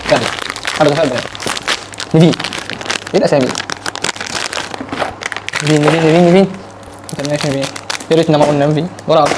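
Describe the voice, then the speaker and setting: Fast excitable Egyptian man, crinkling wrappers. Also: fairly high pitch, noisy background. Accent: Egyptian Arabic. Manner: excitable, repeats words in quick bursts. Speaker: food challenge vlogger. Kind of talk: casual unboxing challenge chat. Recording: wrapper crinkling and clicks behind.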